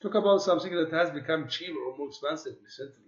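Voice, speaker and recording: Brief: male English teacher, brisk pace, roomy lo-fi classroom sound. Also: on the high side. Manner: switches between English and quick Arabic explanations, models intonation. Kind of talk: classroom lesson. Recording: roomy, dull lo-fi classroom audio.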